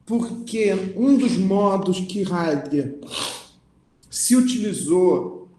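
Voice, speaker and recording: A man's voice: sits high, expressive, slow, dark tone, echoey room. A man lecturing on philosophy, reading passages aloud and then explaining them, often checking in with the listeners. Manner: reads passages aloud, then comments with frequent "né?" and restarts.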